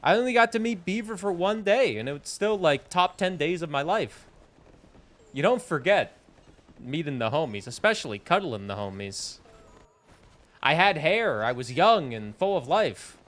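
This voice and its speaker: A man's voice: a little high, moderate pace. A man in his twenties from New England, chatting casually with his live-stream chat while playing a game. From New England, United States. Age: 20s. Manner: animated, chatty, reads and answers chat.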